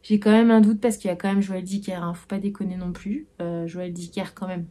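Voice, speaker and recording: A woman's voice: lowish voice, level tone, a little fast, mellow. A young adult woman vlogging about books she received, talking casually and hesitantly, with many fillers and restarts. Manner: hesitant, full of "euh" and restarts, musing aloud. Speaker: book vlogger.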